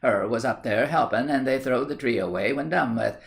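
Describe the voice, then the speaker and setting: A man's voice: medium pitch, moderate pace, creaky, natural voice. A man doing Tom, a good-natured village lad. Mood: eager. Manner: broad rustic country speech, joking.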